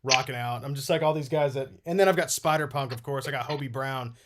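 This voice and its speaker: A man's voice: medium pitch, fast, background noise. A man from Texas chatting casually as a co-host, rambling and enthusiastic, with "man" and "like" all through his talk. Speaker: co-host of a collectibles talk stream. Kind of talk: casual group chat.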